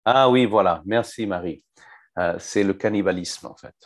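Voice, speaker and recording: A man's voice: low-pitched, moderate pace. A man teaching a live online Bible study, explaining a passage and asking his viewers questions.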